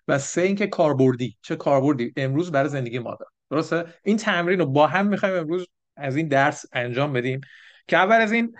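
A man leading a church Bible lesson, explaining step by step and often checking with the group. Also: fairly high pitch. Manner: explanatory, asks the group questions. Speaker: Bible teacher. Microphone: microphone for an online stream.

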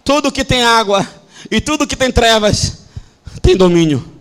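A Brazilian pastor with a notably high voice preaches at a church service. He hammers his points through repetition and swings between hushed asides and shouted declarations. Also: animated, measured pace, smooth. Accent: Brazilian Portuguese. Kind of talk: sermon.

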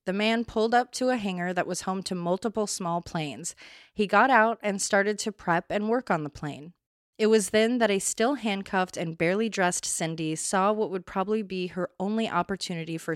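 A woman with a lowish voice hosts a true crime podcast, reading a scripted account and cutting in with blunt, opinionated asides. The recording is studio quality with no echo.

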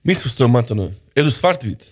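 A man hosting a podcast, asking probing questions in a relaxed conversational way. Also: medium pitch, breathy edge. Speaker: podcast host. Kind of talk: interview questions.

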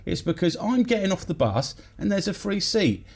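A man's voice: sits high, big pitch swings, moderate pace, vocal fry, a little mellow, slightly rough, pitched above the performer's own voice, exaggerated voice. A man voicing a big, blunt woman passenger from Glasgow who firmly scolds a rude stranger. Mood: scolding. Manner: firm and scolding.

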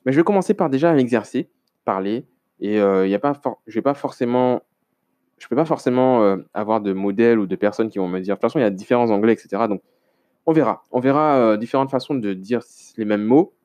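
A man's voice: medium pitch, fast talker, darkish tone. A man hosting a casual solo podcast, rambling and hesitant with many restarts and self-mocking asides. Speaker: podcast host.

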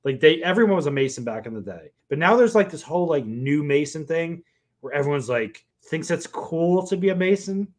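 A man's voice: fairly high pitch, expressive, fairly quick. A man co-hosting a podcast, trading crude jokes in casual comedic banter. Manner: crude, playful, laughs easily. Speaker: podcast co-host.

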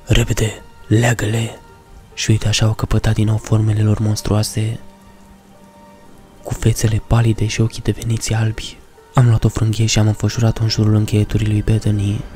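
A man reads a first-person horror story in a dark, mellow voice, keeping his pitch low and even. His delivery is measured and somber, with soft music behind him. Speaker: narrator.

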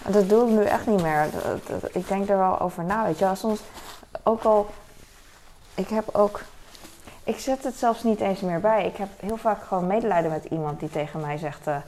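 A woman's voice: mid-range voice, moderate pace, darkish tone, slight background noise. A young adult woman vlogging in casual chat, rambling with lots of fillers and asides. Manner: rambling, frequent fillers and "weet je wel".

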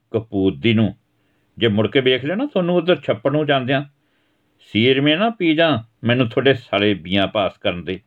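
A man's voice: mid-range voice, phone-quality sound, pitched above the performer's own voice, natural voice. A man voicing an angry village father who harshly scolds his son in a storybook reading. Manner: harsh, shouting reprimands.

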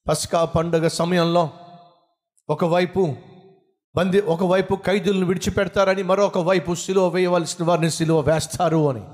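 A man's voice: high voice, long reverb tail. A man preaching a sermon, speaking emphatically, piling up repeated lists and addressing the listener directly. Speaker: pastor.

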